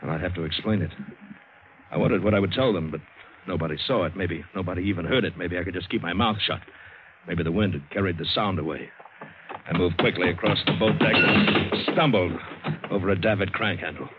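An American man with a low voice acts lightly and talks a little fast as a tough, wary, wisecracking seaman narrating his adventure in first person, 1950s radio drama fashion. Tense in mood, he comes across hard-boiled, wry and dramatic. It's a crackly, thin, hissy narrowband old radio recording.

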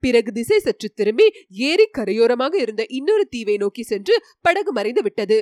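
A woman narrates a storybook in an even, clear, steady read. Her voice sits on the higher side, and the recording is dry and close with no room echo. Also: moderate pace. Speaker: audiobook narrator.

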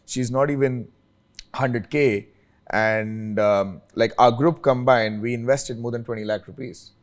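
A man's voice: medium pitch, fairly even intonation, measured pace. A man with an Indian accent speaking conversationally as an expert interview guest, emphatic and repeating his points with checking tags. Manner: emphatic, repeats phrases, often tags "right?".

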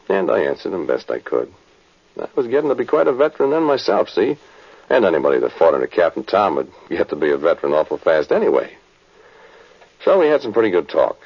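On a muffled vintage radio play, a folksy American cavalry sergeant, worn and plainspoken. The voice is very deep and husky, with rustic grammar and a storyteller's weariness. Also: male voice, full character voice. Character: folksy weary old frontier cavalry sergeant, a dead man. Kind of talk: 1940s radio drama acting.

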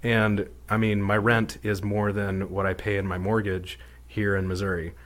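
A man's voice: on the low side, level tone, moderate pace. A man chatting as a podcast guest, laid-back, with lots of "like" fillers. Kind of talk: casual chat.

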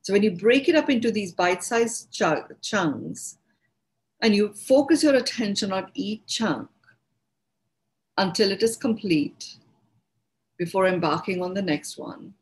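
A woman's voice: mid-range voice, lively intonation, poor audio. Woman, Indian accent, podcast host, mid-range voice, reflective teaching tone, restarts words as she thinks. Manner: unhurried, repeats and restarts words while searching for phrasing. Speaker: podcast host and speaker on personal growth.

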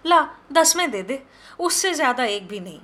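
A woman voicing a bossy, scolding middle-aged mistress of a house, sharp and haggling. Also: high-pitched, big pitch swings, normal speed, voice pushed up, full character voice.

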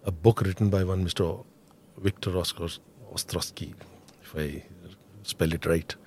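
A man's voice: low voice, steady tone, normal speed, darkish tone, a little hiss or hum. A middle-aged man with an Indian accent explains intelligence matters as a guest expert, mixing Hindi and English as he goes. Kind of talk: explanatory interview analysis.

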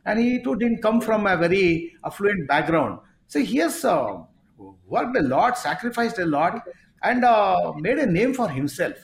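High-voiced man in an echoey room. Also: very animated, gravelly. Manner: halting, many filler pauses. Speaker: sports psychology coach hosting. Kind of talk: conversational interview.

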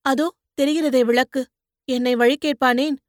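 A woman voicing a spirited, sharp-tongued young boatwoman who answers with mocking retorts, in an audiobook. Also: sits high, steady tone, moderate pace, dry recording, clean studio sound, close to an everyday voice.

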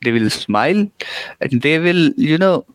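A man's voice: fairly high pitch, lively intonation, a little slow, smooth, dry recording, low-quality recording. Earnest teenage male podcast host. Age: teens. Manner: earnest, many fillers like "you know" and "uh". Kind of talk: casual interview conversation.

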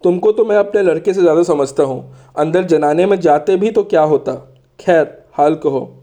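Storybook minister, male narrator playing him, older, loyal, frank, mellow-toned. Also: fairly high pitch, moderate pace, natural voice. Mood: earnest, obliging. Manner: frank, friendly, earnest.

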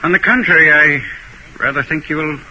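An actor playing an older, genteel millionaire, formal and theatrical in an old radio mystery, fretful yet matter-of-fact. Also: male voice, a little high, a little fast, sharp tone. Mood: earnest, practical. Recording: faintly noisy old radio recording.

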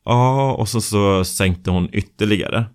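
A man co-hosting a casual podcast chat, telling an animated story and acting out the dialogue. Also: on the low side, clear, resonant tone. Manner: animated storyteller, acts out dialogue, frequent restarts. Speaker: podcast co-host.

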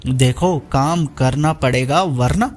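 A man's voice: medium pitch, slow. A man voicing a scheming young woman villain who talks in a sneering, taunting way. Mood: smug scheming.

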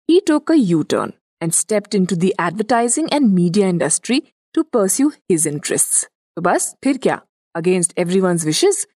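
Female host-narrator, North Indian accent: chatty storytelling, lively intonation, medium pitch, dry recording. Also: no echo. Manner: chatty, addresses the listener. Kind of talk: scripted storytelling narration in Hinglish.

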